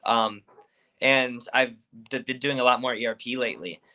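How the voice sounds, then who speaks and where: Young guy, really bright voice, mid pitch, earnest casual chat as an interview guest. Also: fairly even intonation, moderate pace. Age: young adult. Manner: informal, earnest, frequent "like". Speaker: guest advocate, college student. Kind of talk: casual personal sharing in interview.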